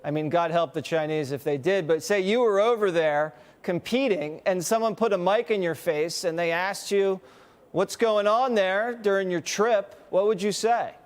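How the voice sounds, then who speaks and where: A man hosting a news interview show, who asks questions in a brisk and wry way with a joking edge. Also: high voice, clean tone.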